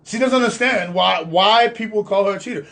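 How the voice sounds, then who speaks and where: A man with a notably high voice hosts a loose, casual chat. He tells stories with animation and speeds up when he gets excited. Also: gravelly. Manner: animated storytelling, talks fast when excited. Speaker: podcast host.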